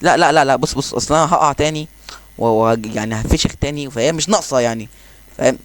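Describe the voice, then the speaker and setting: A man with an Egyptian Arabic accent giving casual, excitable commentary over his own gameplay, joking and exclaiming as he plays. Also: mid-range voice, fast. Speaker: gaming channel host.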